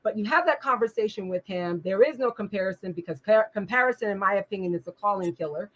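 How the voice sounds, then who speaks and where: A woman's voice: mid-range voice, fast, muffled recording. A woman hosting an interview, asking long, encouraging questions that she rephrases as she goes. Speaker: talk show host. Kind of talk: interview conversation.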